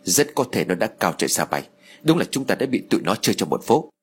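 A man's voice: lowish voice, very animated, fast, husky. A man reading an audio story, voicing a stern, scheming wealthy mother who snaps orders. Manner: curt and commanding.

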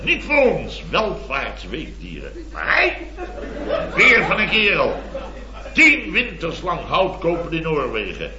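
In a 1970s radio comedy, the comic lead plays a blustery, boastful middle-aged builder, rambling and exclaiming with constant tag words and obvious boastful relish. His male voice is a little high and exaggerated, with wildly swooping pitch at a slow pace. The old recording sounds dull and roomy, with crowd noise and audience laughter.

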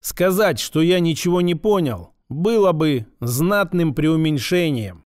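A man narrates an audiobook with expressive, wry delivery, and his voice sits a little higher than most men's. The reading is steady, with colour and irony. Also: a little slow, no room sound, studio quality. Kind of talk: scripted narration.

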